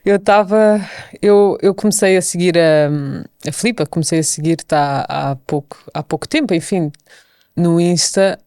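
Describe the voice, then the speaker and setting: A woman's voice: fairly low pitch, measured pace, dark tone, no room sound, studio quality. A woman with a Lisbon Portuguese accent, a guest in a podcast interview, talking emotionally with frequent laughter and restarts. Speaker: guest, athlete. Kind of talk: casual interview chat.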